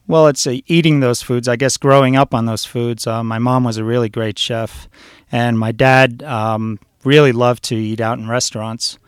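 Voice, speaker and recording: Relaxed and rambling, this chef guest in his forties tells stories in a casual interview, peppering them with ums and uhs. Swiss-born and raised in New York City, he has a smooth, resonant, medium-pitched voice at a moderate pace, recorded dry and close with no echo.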